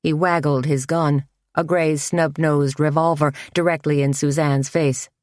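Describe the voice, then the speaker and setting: A woman with a low voice reads an audiobook in a measured, even way. The recording is close and very dry, with no room sound. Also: no room sound. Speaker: audiobook narrator. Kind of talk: scripted audiobook narration.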